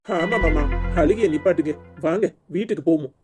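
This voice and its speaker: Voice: medium pitch, a little fast, over music, lightly acted. Someone voicing an earnest young husband. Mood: soothing. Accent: Tirunelveli Tamil. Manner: soothing, earnest, indignant at the mother-in-law. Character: troubled young husband, gentle and devoted son-in-law. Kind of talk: cartoon serial dialogue.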